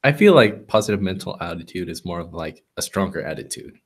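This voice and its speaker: A man's voice: low-pitched, expressive, brisk, husky. A young man co-hosting a podcast, chatting casually and swearing freely. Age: young adult. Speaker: podcast co-host. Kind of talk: casual chat. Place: library room.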